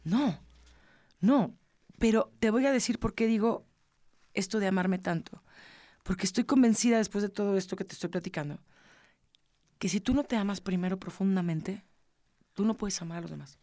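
A woman's voice: mid-range voice, normal speed, pauses often, no room sound, clean studio sound. A middle-aged woman, telling a personal story earnestly and acting out what others said. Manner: earnest, animated, acts out quoted dialogue. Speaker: podcast co-host, interviewee.

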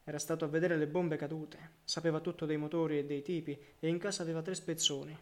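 A man reading a literary novel aloud as audiobook narrator, measured and reflective, letting phrase endings fall softly. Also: on the high side, level tone.

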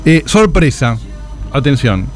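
A man with an Argentine accent playing a pompous, touchy coach and horoscope guru on comic radio, speaking with mock solemnity and halting when flustered. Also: mid-range voice, very animated, faint music behind. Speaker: comedian on a radio show.

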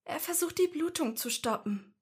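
A woman's voice: high-pitched, lively intonation, normal speed, voice pushed up. A woman voicing a stubborn, wounded young witch who speaks defiantly and a little breathlessly. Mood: urgent. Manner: defiant, pleading, short of breath.

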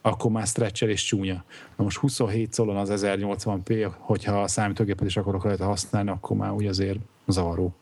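A man's voice: lowish voice, flat delivery, darkish tone. A man hosting a casual podcast chat, rambling and searching for words with fillers as he talks. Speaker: podcast host.

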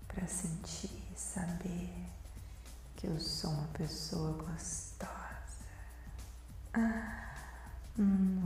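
A Brazilian woman performs an ASMR role-play, very close, as if right in your ear. Her delivery is breathy, sensual and very slow, with a dark, soft tone. The voice swims in heavy echo over music. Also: lowish voice. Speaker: host of an erotic audio podcast. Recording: very echoey voice over faint music.

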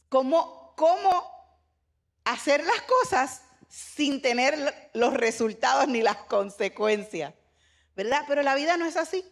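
An older woman with a Puerto Rican accent preaches in an easy, conversational way. She tells family stories and then presses her point with growing emphasis. Her voice sits a little high. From Puerto Rico. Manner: conversational preaching with retold family anecdotes, rising to emphatic exhortation. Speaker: pastor. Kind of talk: sermon to a women's meeting.

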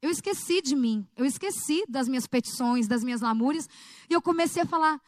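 Very high-voiced woman preaching. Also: a little fast, dry recording, studio quality. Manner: emotional, animated storytelling, addresses audience as gente. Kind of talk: sermon testimony.

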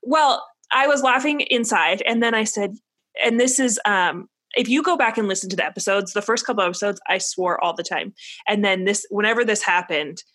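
A woman co-hosting a casual podcast with a bright, clear voice at a middle pitch. She tells her stories expressively and quotes the people in them. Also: fairly quick. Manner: expressive storyteller, quotes her son and family. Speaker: podcast co-host. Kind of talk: casual chat.

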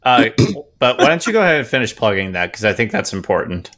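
A man's voice: lowish voice, big pitch swings, fast talker, fairly bright tone. A man hosting a casual podcast, goofy and jokey, laughing often. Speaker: podcast host and editor.

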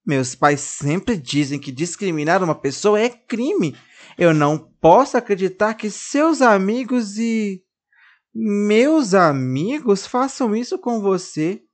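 A narrator voicing a small, lively girl who bosses her dolls around, in a high, expressive child's voice. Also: takes it slowly. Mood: carinhosa. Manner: fala aguda e expressiva de criança. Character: menina pequena, animada e mandona com os bonecos.

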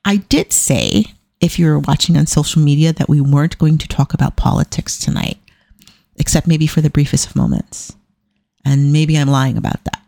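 A woman's voice: sits low, normal speed, creaky, warm tone, dry recording. A middle-aged woman hosting a podcast alone, chatting casually with irreverent, self-deprecating humour. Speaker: podcast host. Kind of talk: casual solo podcast talk.

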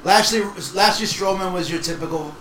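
A man's voice: sits high, a little fast, echoey room, low-quality recording. A man co-hosting a casual wrestling podcast, swearing freely and acting out crowd chants. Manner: profane, animated, acts out crowd chants. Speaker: podcast co-host.

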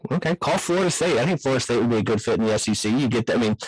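A man's voice: mid-range voice, lively intonation, very fast, low-quality recording. A man hosting a casual sports podcast, giving firm opinions with joking asides about himself. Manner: opinionated, self-deprecating asides. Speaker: podcast host.

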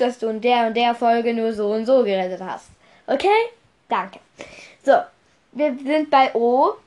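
Slightly high with a darkish tone, this young woman sounds congested from a cold. She's hosting a solo podcast, chatting casually, rambling through her notes and spelling words out letter by letter.

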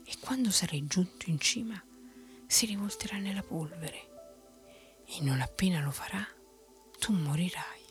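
A woman voicing a cunning male traveler in whispered role-play, in a soft unvoiced whisper. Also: fairly low pitch, animated, a little slow, pauses often, soft background music. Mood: ominous. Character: cunning male traveler who tricks people.

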